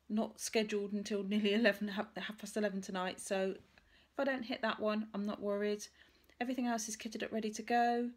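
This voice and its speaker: A woman vlogger chatting casually about her crafts, rambling and correcting herself as she thinks aloud. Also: fairly high pitch. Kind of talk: casual chat to camera about stitching.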